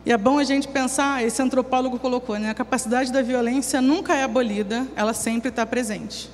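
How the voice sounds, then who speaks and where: A woman's voice: a little high, steady tone, brisk. A woman giving a talk at a church recovery program, explaining in a conversational way with everyday examples. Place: church hall. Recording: long hall reverb, faint hum.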